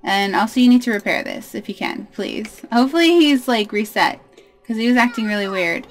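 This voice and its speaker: A young woman with a high, animated voice hosts a life-sim let's play, speaking a little fast. She chats casually and talks to her game characters in a bubbly way.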